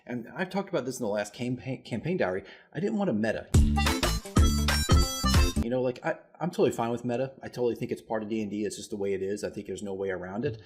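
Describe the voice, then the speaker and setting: A man acting as a dungeon master keeps a campaign diary, casually recapping a game in a rambling, self-deprecating way. He speaks quickly at medium pitch, with loud music playing behind his voice.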